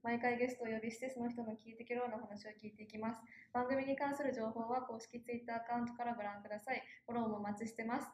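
A woman's voice: fairly high pitch, fairly even intonation, fast, hardly any pauses. Woman host, casual interview, frequent chuckles, roomy sound, faint hiss. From Yamagata, Japan. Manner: friendly, warm interviewer, chuckles and backchannels. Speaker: podcast host. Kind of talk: casual podcast chat.

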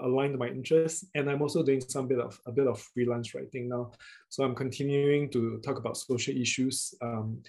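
A man with a Singaporean accent answering interview questions casually, often pausing and rephrasing mid-sentence in a hesitant way. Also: medium pitch, mellow. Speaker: guest, writer and researcher.

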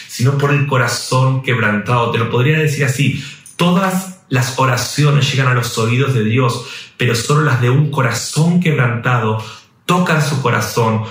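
A man preaching a sermon, impassioned and exhorting, racing ahead in bursts and then slowing to drawn-out emphasis. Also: mid-range voice, a bit bright. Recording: very echoey room.

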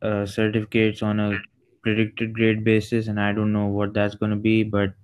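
A man's voice: fairly low pitch, monotone, normal speed, clear, resonant tone. A young man chatting casually as a podcast co-host, mixing English with some Hindi-Urdu. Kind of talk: casual chat.

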